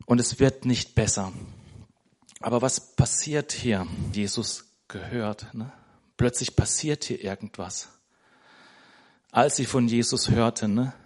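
A man speaks slowly at medium pitch, pausing often, while preaching an informal church sermon as a lay preacher. He's conversational and searching for words, tacking "ne?" onto nearly every sentence as a questioning tag.

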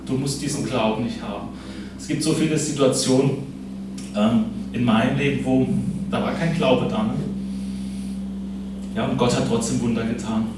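A man preaching a casual sermon, his voice set back from the microphone and ringing around a very echoey hall. He talks to the congregation informally, checking in with them constantly. Room noise sits clearly underneath him. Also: medium pitch. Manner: conversational, keeps adding "ne?". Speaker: pastor. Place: church hall. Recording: echoey hall, far from the mic.

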